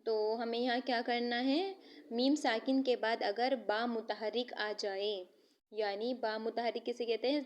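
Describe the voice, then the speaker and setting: A woman with a fairly high voice gives a recitation lesson. She explains each rule patiently, asks and answers her own questions, and chants the example verses slowly, drawing the sounds out. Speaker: Quran recitation teacher.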